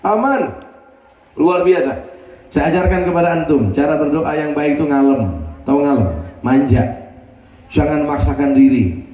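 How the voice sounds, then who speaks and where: A male preacher giving an animated sermon, acting out the people in his stories. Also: on the high side, moderate pace, long pauses. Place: religious gathering. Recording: roomy sound from a distant mic.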